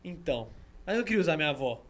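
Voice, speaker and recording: A man's voice: a little high, very animated, a bit bright. A young man in a casual chat with friends, slangy and repeating his points. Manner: rapid, slangy, repeats himself.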